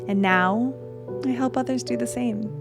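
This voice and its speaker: A woman hosting a spiritual podcast, speaking in a soft, earnest, measured way. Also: a little high, over music. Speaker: podcast host. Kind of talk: spiritual podcast narration and interview.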